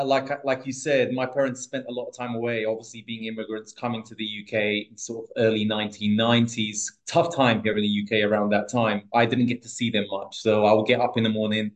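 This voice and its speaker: A Portuguese man in his thirties, fairly low-pitched, appears as a podcast guest recounting his life story. He talks casually and hesitantly, restarting often and leaning on fillers.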